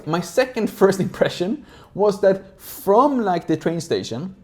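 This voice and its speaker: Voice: medium pitch, very animated, measured pace. A speaker who grew up in Sweden, chatting casually and rambling with lots of "like" fillers. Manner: rambling, heavy use of "like" fillers. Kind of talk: casual chat.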